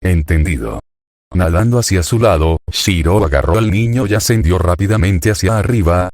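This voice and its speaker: Male narrator, deep, even storytelling read, dry close sound. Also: no echo. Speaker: fanfiction reader. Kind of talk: scripted narration.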